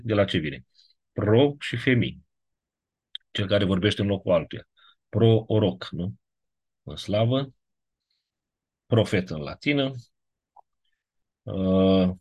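This online lecture comes from a man who teaches biblical Greek, his fairly low voice carrying a breathy quality. There's no room sound, and he goes point by point, regularly asking whether listeners are following.

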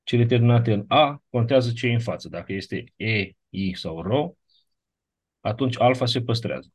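A man's voice: medium pitch, lively intonation, husky. A man teaching a class, going methodically through grammar rules and checking understanding with short tag questions. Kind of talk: classroom lecture reviewing grammar.

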